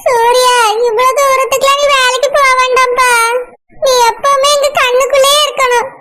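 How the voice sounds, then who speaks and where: A woman's voice: very high-pitched, level tone, normal speed, sharp tone. A woman voicing a worried, loving village mother who pleads tearfully, with a Kanyakumari Tamil accent. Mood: pleading.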